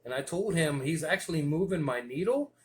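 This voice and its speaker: In this casual vlog, a man hosting a hobby video tells stories in a relaxed, folksy, informal manner. He speaks fairly quickly, with a fairly high pitch and lively intonation, against clear background noise.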